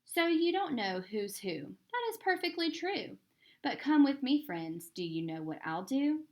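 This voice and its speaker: A woman voicing a slick, upbeat male travelling salesman from a storybook, sly and greedy, with clear, keen sales patter. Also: high voice, big pitch swings, a little slow, a little mellow, heavily acted. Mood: sly, coaxing. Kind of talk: storybook character voice.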